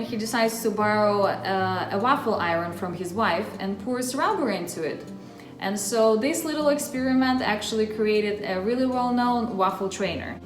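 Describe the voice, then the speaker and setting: A woman from Russia with a Russian accent, hosting her own channel and explaining a topic in a chatty, friendly way straight to the viewer. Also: a little high. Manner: chatty, friendly direct address. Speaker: channel host. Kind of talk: casual explainer vlog. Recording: roomy echo with faint music.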